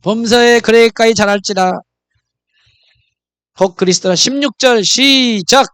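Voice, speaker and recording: A pastor preaching a sermon, who keeps asking the congregation questions in an animated way. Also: male voice, very high-pitched, a little slow, smooth, dry recording, clean studio sound.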